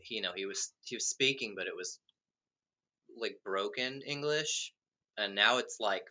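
Bright, forceful co-host, loose joking chat with plenty of swearing. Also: medium pitch, unhurried. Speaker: podcast co-host. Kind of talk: casual chat.

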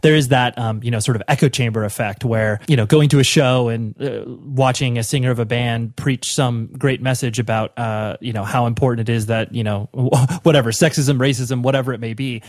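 A man's voice: mid-range voice, fairly even intonation, a little fast, hardly any pauses, dry recording, clean studio sound. A young man interviewing a guest in a casual chat, rambling, with many fillers and restarts.

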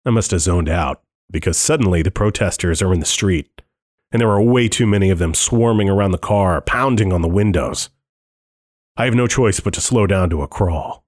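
A man with a fairly low voice narrates a first-person thriller audiobook. His telling is tense and dryly wry, like an anxious inner monologue.

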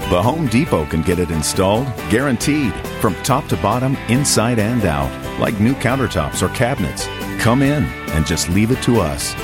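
A man's voice: on the low side, big pitch swings, normal speed. A man reading a scripted retail radio advertisement as the announcer. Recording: loud music bed behind.

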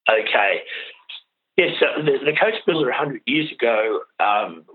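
An Australian man explaining things informally as an interview guest, halting and often repeating his words. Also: mid-range voice, big pitch swings. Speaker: interview guest, carriage driver. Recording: dull lo-fi radio-like audio.

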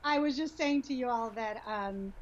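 A woman's voice: on the high side, moderate pace, noisy background. Middle-aged woman from Honduras on a dull call. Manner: warm-hearted, reflective, with frequent restarts and soft laughs. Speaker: guest, sexuality educator. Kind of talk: casual interview talk. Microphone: video call. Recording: dull lo-fi video call audio.

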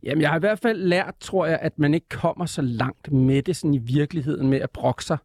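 A man, a TV presenter, chatting as a guest in an interview, animated and full of stammering restarts. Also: on the high side, no room sound, studio quality. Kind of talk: casual interview chat.

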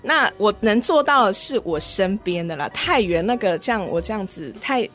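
一位四十多岁的台湾口音女士，在播客里以生动的方式讲述教学故事，常常笑。. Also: female voice, mid-range voice, moderate pace, faint music behind. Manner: lively, laughs often while telling stories. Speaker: guest, kindergarten English teacher. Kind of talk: podcast storytelling.

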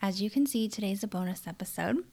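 Speaking quickly with vocal fry and a warm, medium-pitched voice, this leadership coach in her 30s talks candidly and conversationally on her own podcast. It's a solo monologue recorded into a studio microphone.

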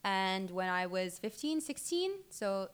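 A young woman, a guest entrepreneur, chats casually about her path, animated and dotting her talk with "like". Her pitch sits in the middle for a woman. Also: measured pace, clean tone. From Abu Dhabi, UAE. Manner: chatty, animated, many "like"s. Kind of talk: casual chat.

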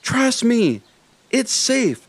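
A man voicing Charlie, a small eager male forest guide who pleads in urgent, loud whispers. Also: very high-pitched, sing-song, extremely slow, no room sound, voice pushed up, exaggerated voice.

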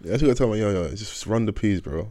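A man's voice: on the low side, expressive, fast, mellow. A man with a London accent chatting casually as a podcast host, in slang-heavy roadman street talk. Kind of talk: casual chat.

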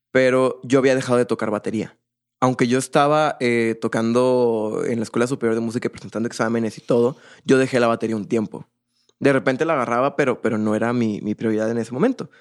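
A young man, a percussionist guest, telling his story in a casual, rambling way with many fillers and restarts. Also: mid-range voice.

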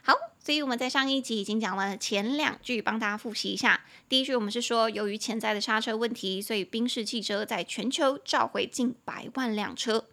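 A young woman hosting a casual English lesson podcast, explaining words and spelling them out slowly with a lively, self-amused manner. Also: on the high side.

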